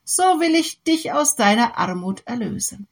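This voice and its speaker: A woman plays a gracious young princess in a storybook, speaking calmly in a soft, breathy voice with a gentle lilt. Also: a little high, measured pace, heavily acted.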